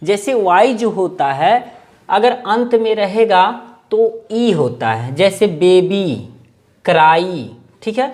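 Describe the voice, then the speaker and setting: An English teacher, a man in his forties, works through words at an unhurried pace. He spells each one out letter by letter and says it several times, his pitch rising and falling widely. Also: expressive, a little mellow. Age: 40s. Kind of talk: slow spelling-out lesson.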